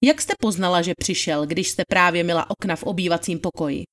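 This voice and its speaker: A woman's voice: fairly low pitch, fairly bright tone, voice pushed down, close to an everyday voice. A woman reading the part of a methodical male attorney questioning a witness, in a formal, probing manner. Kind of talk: dramatized trial testimony reading.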